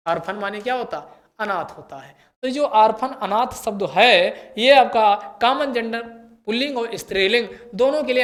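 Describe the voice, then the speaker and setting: A woman teacher going through an English test paper for exam candidates, asking questions and answering them herself and repeating key words. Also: mid-range voice. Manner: reads English test sentences slowly and carefully.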